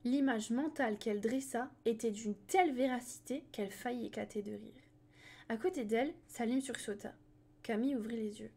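Brief: woman streamer reading a book, mellow tone, casual and unhurried, stumbles now and then. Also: on the high side. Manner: unhurried, with slips and restarts. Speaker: streamer reading a novel aloud. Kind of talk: live reading of a novel.

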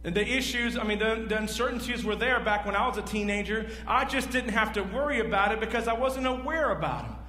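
A man's voice: high voice, quick pace, hardly any pauses. A man in his forties, a pastor preaching a sermon to his congregation and asking them questions as he moves around a large church stage. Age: 40s. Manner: animated, pacing the stage and gesturing. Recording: echoey hall, faint hum.

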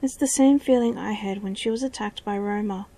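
Lady doing a kind gentle guy wolf, soft and breathy, half whispered. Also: mid-range voice, brisk, natural voice.

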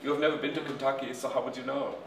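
A man's voice: medium pitch, level tone, rapid-fire, natural voice. A middle-aged man playing a crude, pompous, easily irked TV interviewer in a comedy mock interview. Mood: smug, prying. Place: small room with a window, indoors. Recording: distant, echoey, noisy room recording.

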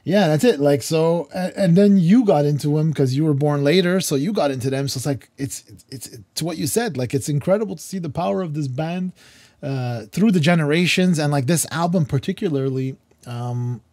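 A man's voice: on the high side, a little fast, a little mellow, dry recording. A man co-hosting a music podcast, talking casually and rambling, with many fillers and restarts. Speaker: podcast co-host. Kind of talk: casual roundtable chat.

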